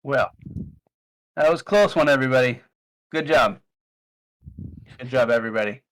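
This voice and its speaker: A man's voice: mid-range voice, moderate pace, fairly bright tone, no echo, low-quality recording. A man chatting casually as a player in a tabletop role-playing game.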